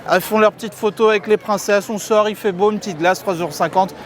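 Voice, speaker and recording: A man's voice: high-pitched, fairly even intonation, quick pace, a little hiss or hum. A middle-aged man chatting to viewers as his friends while walking through a theme park for his vlog, filmed on a handheld camera. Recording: outdoor crowd and faint music behind.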